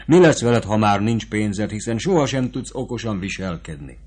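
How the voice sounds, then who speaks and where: A man's voice: fairly low pitch, lively intonation, a little mellow, husky. A man voicing a shrewd, bossy army sutler woman who lectures a young soldier in an audiobook. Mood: scolding. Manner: scolding, rapid motherly advice. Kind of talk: audiobook character voice.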